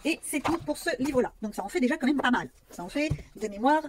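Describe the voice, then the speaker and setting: A woman's voice: sits high, lively intonation, fast talker, darkish tone, slight background noise. A woman vlogger chatting casually about her coloring books, self-mocking and rambling with fillers.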